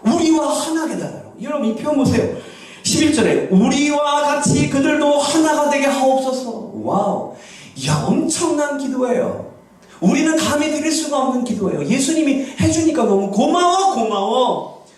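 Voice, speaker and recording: A male pastor preaching a sermon, switching between hushed asides and loud exclamations. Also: very high-pitched, big pitch swings, normal speed. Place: church sanctuary. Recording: echoey church hall from a distant mic.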